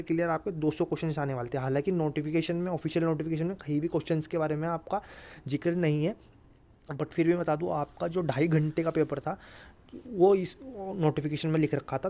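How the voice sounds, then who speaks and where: This exam-update YouTuber, a man with a North Indian accent, speaks at a fairly high pitch with a darkish tone. He explains updates to viewers informally, repeating himself insistently and mixing in English words.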